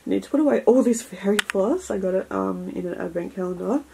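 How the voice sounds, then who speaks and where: Talking fast and animatedly with vocal fry in a mid-range voice, a young woman in her 20s rambles through a clean-with-me chat full of fillers. She's a beauty vlogger tidying her cluttered indoor bedroom beauty room, recorded on a noisy home camera.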